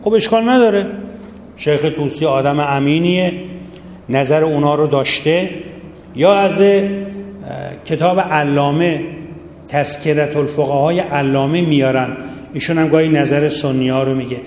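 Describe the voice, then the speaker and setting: A man's voice: on the high side, a little mellow, slight background noise. A middle-aged man teaching a seminary jurisprudence class, talking casually and addressing his students directly. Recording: echoey hall with long reverb, faint ambience.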